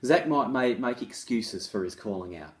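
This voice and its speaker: As an author and presenter on restorative practices in schools, a man reads a case study aloud and explains it in a conversational, instructive tone. His voice is medium-pitched and expressive, moving at a normal speed.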